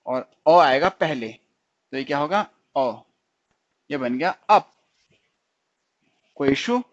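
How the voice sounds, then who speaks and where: A man with a slightly high voice leads a recorded stenography lesson, explaining things step by step, repeating each sound, and confirming students are following. It's captured in dull lo-fi audio.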